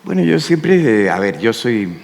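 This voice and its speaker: A man's voice: medium pitch, big pitch swings, measured pace, vocal fry, a little mellow. A Chilean poet speaking on a panel in a musing way, often adding "¿no?" to check in with his listeners. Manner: reflective, musing, with frequent rhetorical "¿no?". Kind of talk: panel talk. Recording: long hall reverb.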